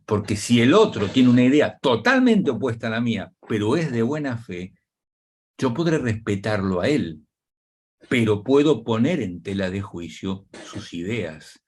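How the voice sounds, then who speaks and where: A man with an Argentine Spanish accent explaining ideas in a webinar talk over a video call, pausing with fillers. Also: mid-range voice, slightly rough. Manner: lively, animated delivery with pauses and fillers. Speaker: webinar speaker on community dialogue.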